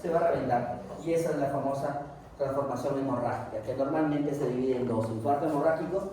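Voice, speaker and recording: A man giving a recorded medical lecture, asking and answering his own questions in an animated way. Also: mid-range voice, brisk. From Peru. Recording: echoey room, distant mic, faint noise.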